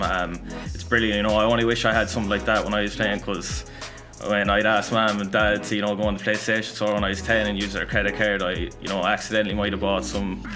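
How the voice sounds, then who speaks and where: A man in his early twenties with a west of Ireland accent, answering interview questions casually and often adding "you know". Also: on the low side. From Galway, west of Ireland. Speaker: esports player, interviewee. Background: music.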